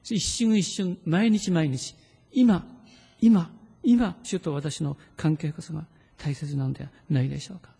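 A male pastor delivers an earnest, pleading sermon in a dark, gravelly voice. Now and then he slows to lead a prayer read aloud. A long reverb from the church hall trails behind his words. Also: a little high.

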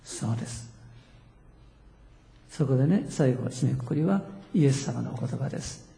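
A male pastor preaching to a congregation, gently coaxing and asking them questions. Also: medium pitch, lively intonation, moderate pace, vocal fry. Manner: gentle, coaxing, asks the audience questions, chuckles. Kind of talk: sermon to a congregation. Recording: roomy hall reverb.

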